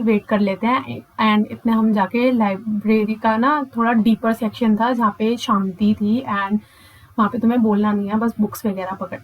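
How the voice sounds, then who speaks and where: A young woman with a slightly high voice tells a personal story in a chatty, unscripted way. She drops English phrases into her sentences, pauses often, and acts out the scene as she goes. It sounds like casual close-mic storytime talk. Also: lo-fi sound. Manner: chatty, mixing English into Hindi, acting out gestures. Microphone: mic on the speaker.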